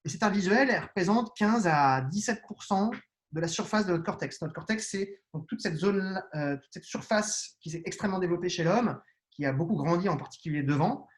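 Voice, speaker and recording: This neuroscience guest, an adult man with children, has a high, expressive voice and speaks fairly quickly. Answering interview questions, he explains patiently but restarts and hesitates frequently.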